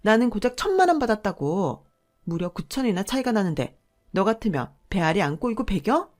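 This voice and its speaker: A woman's voice: mid-range voice, very animated, brisk, close to an everyday voice. A woman voicing a bossy, greedy middle-aged sister-in-law who talks rudely and demands money, in a radio drama. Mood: angry. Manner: shouting, rude, demanding.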